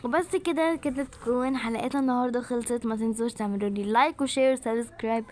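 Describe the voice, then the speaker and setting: A woman's voice: a little high, racing, a little mellow. A woman with an Egyptian accent, closing her story episode as channel host. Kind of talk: casual video outro.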